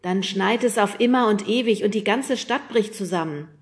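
A woman reading an audiobook, voicing a grumpy, agitated boy who talks loudly and sounds exasperated. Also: medium pitch, moderate pace, pitched above the performer's own voice, natural voice. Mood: gloomy. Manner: loud, exasperated.

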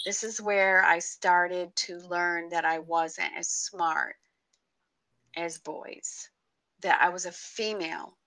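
A woman's voice: on the low side, sharp tone, low-quality recording. A woman sharing her personal faith testimony as a radio guest, earnest and heartfelt.

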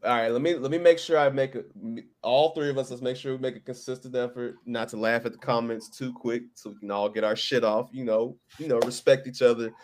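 A man's voice: mid-range voice, steady tone, a little fast, hardly any pauses, darkish tone. A man hosting a casual podcast, joking and emphatic. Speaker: podcast host.

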